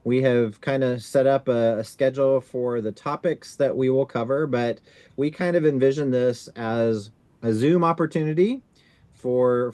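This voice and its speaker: Male call host, mid-pitched, dry close sound, easygoing and rambling. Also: dry recording. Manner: relaxed, many fillers like "kind of". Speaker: synod staff leading a video-call orientation. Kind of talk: casual hosting on a video call. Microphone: video call.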